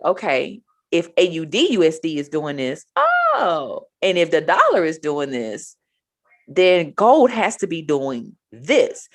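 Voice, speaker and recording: A woman in her thirties giving a casual trading lesson, chatty and often checking in with "right?". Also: deep voice. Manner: chatty, repeats "right?" to the viewer. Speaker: trading educator.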